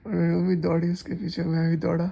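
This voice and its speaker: A man tells a story in a loose, rambling way, often doubling back mid-sentence. His voice sits fairly high but barely rises or falls, with a gravelly edge. The recording sounds slightly dull and lo-fi. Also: completely flat delivery, quick pace. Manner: rambling, chatty, with restarts and asides. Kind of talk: casual storytime narration.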